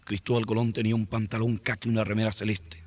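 A man playing a press conference moderator in a comic sketch, fussily pleading for calm and order. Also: on the low side, quick pace, no echo.

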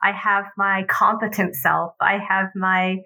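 A woman's voice: medium pitch, level tone, vocal fry, bright, forceful tone, low-quality recording. A woman, a guest on a talk show, chatting casually about parenting and acting out family exchanges with frequent laughs. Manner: acts out family exchanges in quick changes of voice; laughs often while telling stories. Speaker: podcast guest. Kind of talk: casual conversation.

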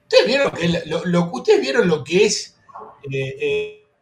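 A man with an Argentine accent hosting a sports talk radio show, animated and mocking, laughing often and giving orders to the control room. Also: high-pitched, a little slow, slight background noise. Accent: Argentine Spanish.

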